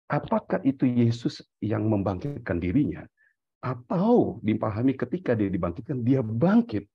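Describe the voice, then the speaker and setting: A man's voice: lowish voice, vocal fry, husky, no room sound, highs cut off. A man on a discussion panel, reasoning aloud through theology with many fillers, self-corrections and English terms mixed in.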